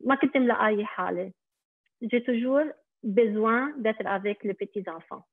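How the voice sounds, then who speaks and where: A woman's voice: fairly high pitch, brisk, dry recording. Lebanese woman on a tinny video call. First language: Arabic. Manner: switches between French and Arabic, hesitant with many fillers. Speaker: daycare centre director. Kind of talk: personal testimony on a webinar.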